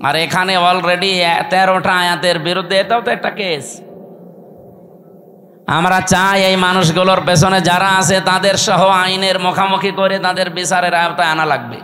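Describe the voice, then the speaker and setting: A man with a Bangladeshi accent preaches over a public-address system. His voice sits high, with a bright, hard edge. He exhorts his listeners like a fiery sermon-giver, firing rhetorical questions and demanding that they respond. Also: steady tone, a little slow, slight background noise. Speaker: Islamic preacher.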